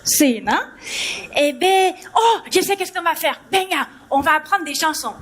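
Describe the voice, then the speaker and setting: Onstage at a theatre, a young woman comic commits to a full character voice, extremely high-pitched, fairly bright and lively in intonation, though a little slow. She plays a bubbly Spanish woman teaching a language class in French with a Spanish accent, teasing the live audience playfully.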